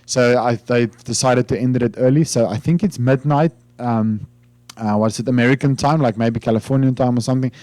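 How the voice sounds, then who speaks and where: Fairly quick and steady in tone, this man's medium-pitched, dark voice carries a South African accent; he's a finance YouTuber whose first language is Afrikaans. He chats informally to camera, recorded dry. He rambles and hesitates, restarting often and using many fillers.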